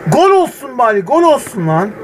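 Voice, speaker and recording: A man streaming a football video game, groaning at misses and shouting players' names when they near the goal. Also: extremely high pitch, very animated, moderate pace, a little hiss or hum. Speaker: gaming channel host. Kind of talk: excited gameplay commentary. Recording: game music loud behind voice. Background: game music.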